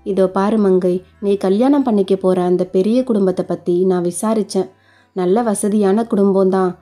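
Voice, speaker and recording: A woman's voice: medium pitch, fairly even intonation, normal speed, dark tone, soft background music, lightly acted. A woman voicing a sympathetic older relative who apologetically consoles a young bride in a spoken story. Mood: consoling. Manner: soothing, apologetic.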